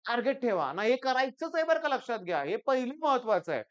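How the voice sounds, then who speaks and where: A middle-aged tutor from Maharashtra, India, with a Marathi accent gives a motivational coaching talk to exam students. His very high-pitched, clear, resonant voice is very animated and fast, swinging between loud stresses and quiet asides as he emphatically repeats "lakshat ghya," though the audio is dull.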